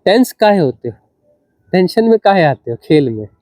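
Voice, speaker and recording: Man giving a slow spiritual discourse. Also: high-pitched, very animated, dark tone, no room sound. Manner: unhurried, repeats phrases for emphasis, asks rhetorical questions. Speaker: spiritual teacher.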